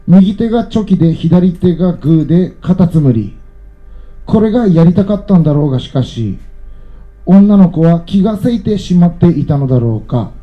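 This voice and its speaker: Man with a high voice, calmly reading his own travel essay aloud; slightly muffled recording. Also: moderate pace, faint music behind.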